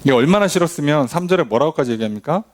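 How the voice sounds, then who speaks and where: A man's voice: expressive, racing. A man preaching a sermon as a pastor, asking rhetorical questions and acting out quoted voices. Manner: acts out quoted voices, shifting pitch often. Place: church.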